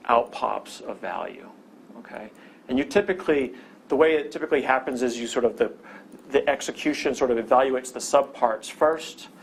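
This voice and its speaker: With a creaky, mid-range voice and slight background noise, a man teaches programming via screen recording. He breaks things down step by step, regularly pausing for an "okay?" and restarting his explanations.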